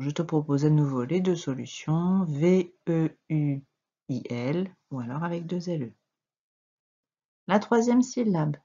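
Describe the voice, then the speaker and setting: Slow, patient woman teacher, low and dark. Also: slightly rough, highs cut off. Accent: French. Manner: slow and patient, spells out letters, addresses the child directly. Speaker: primary school teacher. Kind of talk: recorded reading and dictation lesson for young pupils.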